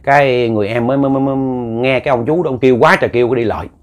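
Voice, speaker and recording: A man's voice: medium pitch, rapid-fire. A man with a Southern Vietnamese accent narrating a ghost story in a folksy, rambling way, often repeating words as he goes.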